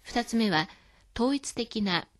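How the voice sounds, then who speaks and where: A woman hosting a scripted radio lesson, explaining words calmly. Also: on the high side, slow pace. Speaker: Chinese language teacher.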